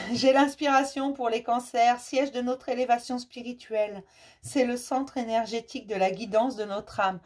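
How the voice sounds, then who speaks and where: A woman's voice: fairly high pitch, fairly even intonation, normal speed, darkish tone. A woman giving a casual tarot reading for the star signs. She chats fondly, laughs often and calls her viewers her darlings. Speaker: tarot reader. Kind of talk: casual horoscope card reading.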